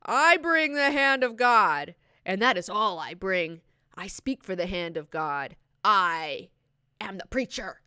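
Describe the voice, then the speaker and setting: A stern male prophet thunders warnings in slow, weighty phrases. A woman puts him on while retelling a story, her tone bright and clear with no room echo. The preacher sounds solemn and unbending. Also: mid-range voice, animated, clean studio sound.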